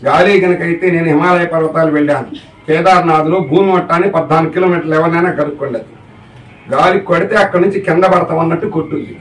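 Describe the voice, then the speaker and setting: A man's voice: fairly high pitch, fairly even intonation, rapid-fire, fairly bright tone, reverberant, recorded from a distance, slight background noise, low-quality recording. A man giving a religious discourse to a live audience as a spiritual teacher, often putting questions to the listeners. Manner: keeps asking the audience questions.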